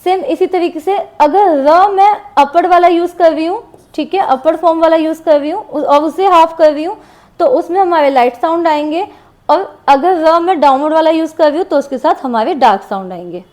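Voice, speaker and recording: Explaining shorthand strokes to a class, this teacher has a light, high voice that still leans a bit dark. Patient and unhurried, she says every example word again while writing it down, and the soft sound of pen on paper runs underneath.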